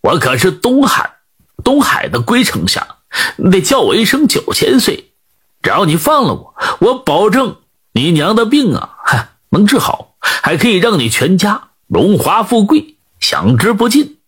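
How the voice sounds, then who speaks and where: A man's voice: fairly high pitch, very animated, normal speed, a bit bright, slightly rough, heavily acted. A man voicing a boastful old male sea turtle who speaks in a smug, self-important drawl.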